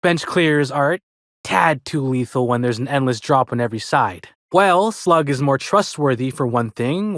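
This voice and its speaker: Casting: a chirpy, folksy American bellhop, old-fashioned and talkative, game dialogue, medium-pitched and dry. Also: male voice, fairly bright tone, no room sound. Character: chatty, folksy old-fashioned hotel head bellhop, male. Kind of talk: video game character dialogue.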